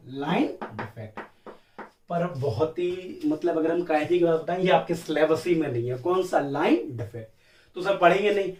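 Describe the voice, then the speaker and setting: A man's voice: sits high, darkish tone, far from the mic. A man teaching chemistry in a lecture, asking questions and answering them himself as if he were the students, repeating key terms back and forth. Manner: calls listeners beta and sir. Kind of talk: classroom lecture. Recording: echoey room, voice from off-mic.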